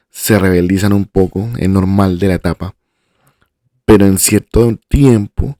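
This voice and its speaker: A man hosting a faith podcast, reflecting on his guest's story in a measured, thoughtful way. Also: deep voice, mellow, no echo, clean studio sound. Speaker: podcast host.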